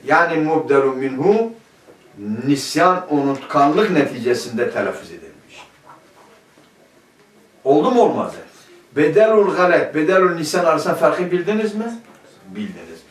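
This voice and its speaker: A man's voice: a little high, very animated, normal speed. A man teaching a grammar lesson, asking his class questions and answering them himself. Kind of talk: classroom lecture. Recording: echoey room, mic at a distance.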